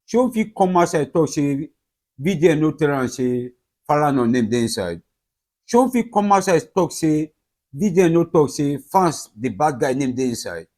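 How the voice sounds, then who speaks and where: A man's voice: on the high side, darkish tone. Nigerian man giving commentary in Pidgin. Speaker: online commentator. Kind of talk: commentary in West African Pidgin.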